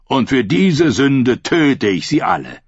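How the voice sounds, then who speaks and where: A smug, silky pirate king who taunts and mocks with a lively, swinging pitch, as a man reads him aloud. The voice is a little husky and dry, recorded dull and lo-fi. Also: takes it slowly, no room sound, full character voice. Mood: taunting. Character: smug, mocking one-eyed pirate king, adult man.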